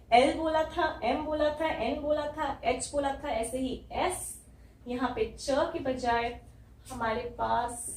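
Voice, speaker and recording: A woman from India patiently teaches English pronunciation, repeating each letter sound slowly. Her voice sits high and unhurried. She sounds a little distant from the mic in an echoey room. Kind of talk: explaining letter sounds step by step.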